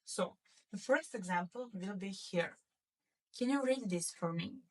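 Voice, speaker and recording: Woman, language teacher, unhurried delivery, quizzes the class, repeats each word, distant mic. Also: mid-range voice, darkish tone. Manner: asks the class questions, repeats words twice. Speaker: German teacher. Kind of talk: slow classroom lesson explaining pronunciation.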